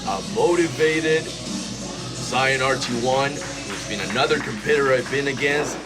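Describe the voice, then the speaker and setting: A man commentating on wrestling as an excitable lucha libre announcer, exclaiming at the action. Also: medium pitch, measured pace, over music. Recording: noisy recording.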